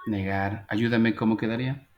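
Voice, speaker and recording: A man's voice: on the low side, steady tone, moderate pace, lo-fi sound. A man teaching an English grammar class, patiently explaining step by step and repeating each phrase before checking that students follow. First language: Spanish.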